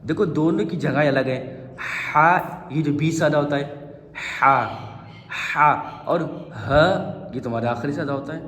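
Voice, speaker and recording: A man's voice: on the high side, echoey room, long reverb tail. A male Quran reading teacher giving a classroom lesson, patiently coaxing answers from his students with questions.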